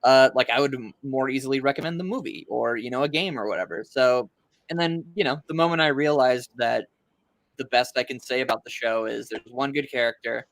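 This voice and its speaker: A man's voice: mid-range voice, fairly quick, fairly bright tone, dry recording. A man in casual chat who speaks hesitantly, filling his sentences with ums and likes. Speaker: podcast guest.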